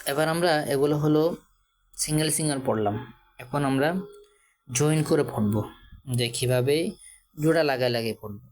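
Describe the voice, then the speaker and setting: A man's voice: medium pitch, normal speed, long pauses. A man teaching Quran reading, drilling Arabic letter sounds one by one and patiently explaining how each is pronounced. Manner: patient, explains pronunciation plainly. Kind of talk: step-by-step lesson.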